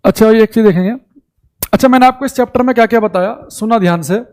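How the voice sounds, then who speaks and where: A male teacher giving a live online class, repeating key points slowly for students to write down and calling them brother. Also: high-pitched, a little mellow. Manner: scolding and exasperated about audio complaints.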